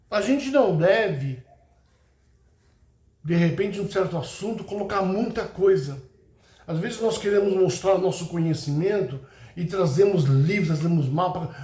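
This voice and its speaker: A man teaching fellow church teachers in an unhurried way, often pausing with fillers and tag questions. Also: fairly high pitch, a little mellow, reverberant. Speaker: Sunday school teacher trainer.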